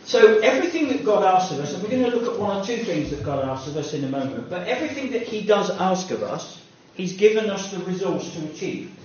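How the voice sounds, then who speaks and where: A man's voice: sits high, expressive, brisk, hardly any pauses, darkish tone, slight background noise. A man preaching a sermon in a conversational, self-deprecating way with personal asides, recorded from a distance in an echoey hall. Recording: echoey distant room mic, dull sound.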